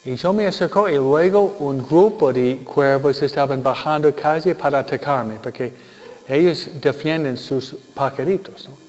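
A male preacher delivers a joking sermon, often checking in with his listeners. He speaks slowly in a fairly high voice. The sound is dull and lo-fi, with long reverb from a large hall. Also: a little mellow. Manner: jokey, keeps asking the listeners "¿no?". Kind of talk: humorous sermon.

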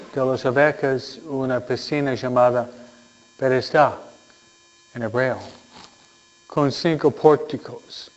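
A man speaking as a priest in solemn church delivery, reading scripture and preaching with deliberate phrasing and frequent pauses. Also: mid-range voice, darkish tone, highs cut off. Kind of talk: solemn Gospel reading and homily.

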